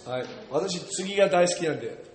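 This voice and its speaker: A male pastor with a high voice preaches in a church hall, where his words ring with a long reverb. He reads the verses out loudly and with animation, and jokes with his congregation as he goes. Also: lively intonation, normal speed. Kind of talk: sermon with scripture reading.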